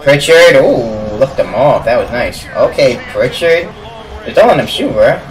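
A young man casually reacting to basketball highlights, talking to the players on screen in slangy chat and yelling at big plays. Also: lively intonation, unhurried, far from the mic, poor audio. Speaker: sports reaction YouTuber. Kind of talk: live reaction commentary.

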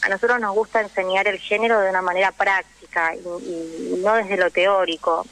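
Speaking as a radio guest, this young actress and drama teacher from the Rioplatense region of Argentina explains herself emphatically while frequently checking in with the listener. Her mid-range voice stays level at a normal speed, a bit bright, on a rough recording.

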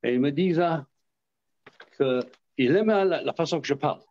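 A man's voice: a little high, moderate pace, darkish tone, lo-fi sound. A man from southwest Nova Scotia with an Acadian French accent, telling stories in a casual interview, often hesitating and repeating words. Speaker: interviewee, association representative.

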